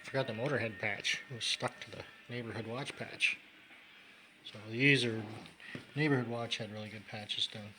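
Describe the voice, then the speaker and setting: A man talks casually through a hands-on craft vlog, his pitch sitting in an ordinary middle range. He rambles, trails off and swears offhandedly as he works. The tone is loose and unpolished, like thinking out loud. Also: steady tone, normal speed, soft background music. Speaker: vlogger. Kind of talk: casual how-to chat while sewing.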